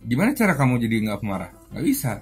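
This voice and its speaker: Husky, chatty man. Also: medium pitch, huge pitch swings, rapid-fire, soft background music. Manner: chatty slang-heavy Jakarta talk, acts out little scenes. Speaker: self-help video host. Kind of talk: casual video monologue.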